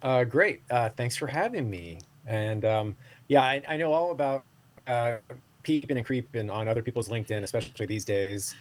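A man in his forties from Southeast Asia is a guest on a podcast, talking at a moderate pace in a mid-range voice. It's casual interview talk, full of fillers and restarts.

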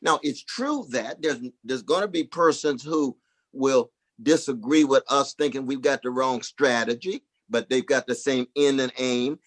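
A man's voice: mid-range voice, measured pace. A man giving impassioned political commentary in a preacher-like way, calling others "Brother" and "Sister". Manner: rhetorical, uses religious address like "Brother" and "Sister".

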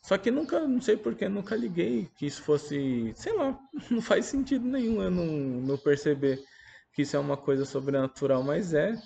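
Brazilian guy, kinda high voice but gravelly, earnest and halting, telling a religious testimony casually. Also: lively intonation, dark tone, a little hiss or hum. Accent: Brazilian Portuguese. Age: adult parent. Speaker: person sharing a religious testimony.

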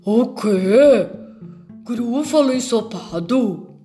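A woman voicing a big, hungry gruffalo in a storybook reading, drawing out her words slowly. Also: on the high side, expressive, mellow, soft background music. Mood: alarmed. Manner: slow drawn-out delivery.

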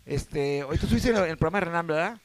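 A man's voice: on the high side, animated, racing. A man with a Mexican accent in a casual chat, joking and laid back, full of slang. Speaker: actor.

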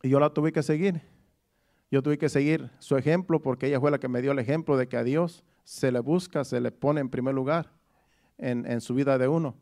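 A man's voice: mid-range voice, fairly even intonation, brisk, dark tone. A middle-aged man preaching a sermon in an earnest, personal way, often restarting his phrases. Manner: earnest, testimonial, with frequent restarts.

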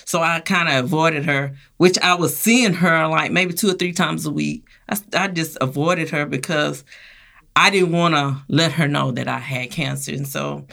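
A woman's voice: low-pitched, normal speed, vocal fry, a bit bright. A woman telling her own story as an interview guest, acting out the voices of others and laughing as she goes. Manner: acts out quoted voices, laughs while telling. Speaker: guest sharing her experience. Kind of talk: animated personal storytelling.

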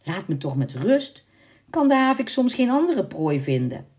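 A woman voicing a simple but fearless farm girl in a spoken storybook, calm and defiant. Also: low-pitched, slow pace, full character voice.

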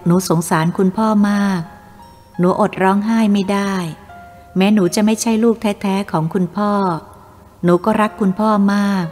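This is a gentle, devoted teenage daughter from an audiobook tale, read by a woman. She speaks sweetly and softly, with a tender, tearful manner. The voice trails into a long reverb with faint music beneath. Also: medium pitch, steady tone, normal speed, lightly acted. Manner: sweet, soft-spoken, tearful.

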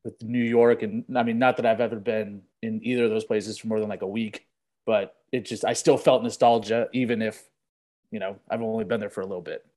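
A man who is a podcast guest, chatting casually in a relaxed way, with loose swearing and chuckles. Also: lowish voice, a little fast. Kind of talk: casual chat.

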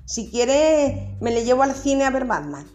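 A woman voicing a cheeky, playful little boy in a read-aloud story, chirpy and quick. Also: sits high, sing-song, mellow, highs cut off, voice pushed up.

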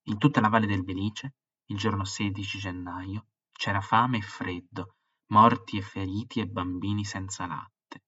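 A man hosting a history podcast, reading a book passage in a measured, dramatic way with rhythmic lists. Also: fairly low pitch, steady tone, pushed and bright, slightly rough, muffled recording. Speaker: podcast host.

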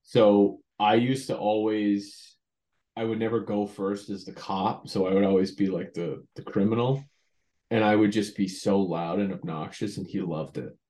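A man's voice: fairly low pitch, steady tone, moderate pace, warm tone. A young man co-hosting a podcast, telling school stories in a joking, loose way, acting out quotes and swearing freely. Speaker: podcast co-host. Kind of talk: casual chat.

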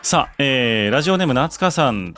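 A man's voice: mid-range voice, expressive, fairly quick, fairly bright tone, faint music behind. A man in his forties with a Kansai accent, hosting a show with casual chat and reading out listener letters. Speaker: radio DJ and podcast host.

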